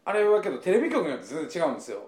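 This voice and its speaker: A man's voice: on the high side, sing-song, a little mellow, roomy sound. A man with a Tosa accent, a guest chatting and joking casually on a podcast. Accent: Tosa dialect. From Kochi, Japan. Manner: quick, joking, self-deprecating. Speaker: guest, re-elected local official.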